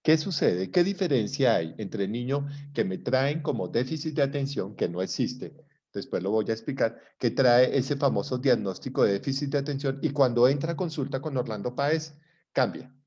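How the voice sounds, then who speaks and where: A man's voice: mid-range voice, animated, moderate pace, a little mellow, breathy edge, lo-fi sound. A middle-aged man with a Colombian accent lecturing a psychology class online in a conversational way, often checking that his students follow.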